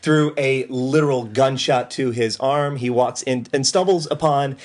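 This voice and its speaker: A man's voice: mid-range voice, a little slow, a little mellow. A man from Ohio, a podcast co-host, talking casually and enthusiastically about movies and laughing often.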